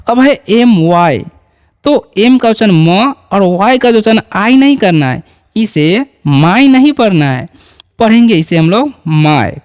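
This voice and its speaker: A man's voice: high-pitched, clear, resonant tone. A man teaching a beginner English lesson, patiently repeating each word and quizzing the viewer. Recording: long hall reverb.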